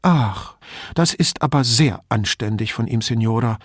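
Man reading a policewoman, ingratiating, lively, slightly raised. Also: medium pitch, unhurried, dry recording, clean studio sound. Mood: flattering. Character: female police officer, brisk and flattering.

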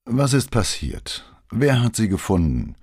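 A man's voice: fairly low pitch, very animated, a little slow, a little mellow, slightly rough, no room sound, clean studio sound, pitched above the performer's own voice, exaggerated voice. A man reading the part of an irritated police commissioner, giving curt orders. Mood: curt, commanding. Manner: curt, commanding.

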